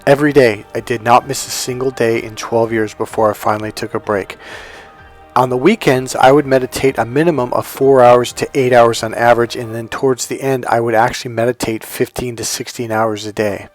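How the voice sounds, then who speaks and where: Soft music plays as a Californian man in middle age, a dating coach, shares autobiographical stories fairly quickly at a medium pitch with fairly even intonation. He talks casually, wanders off topic and speaks directly to the audience.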